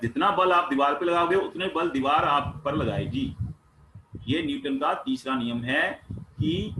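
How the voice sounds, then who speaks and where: Bright-voiced man teaching science. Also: on the high side, slight background noise, rough recording. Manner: asks questions and answers them himself; plain everyday explanations with household examples. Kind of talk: explaining a class 9 worksheet.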